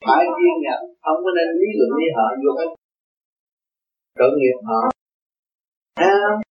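A man's voice: a little high, huge pitch swings, moderate pace, muffled recording, soft background music. A man teaching as a Buddhist teacher in an earnest dharma talk, often checking that his listener understands. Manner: earnest, repeating questions like "see?".

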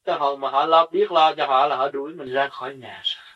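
Husky-voiced man preaching in a distant, lo-fi recording. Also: mid-range voice, steady tone, quick pace. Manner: earnest teaching with rhetorical questions. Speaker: spiritual teacher. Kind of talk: sermon.

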